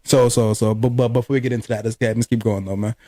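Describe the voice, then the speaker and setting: Fast-talking man on a casual podcast. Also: medium pitch, steady tone, warm tone, dry recording, clean studio sound. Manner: loose, joking, laughs often, curses. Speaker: podcast co-host. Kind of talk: casual chat.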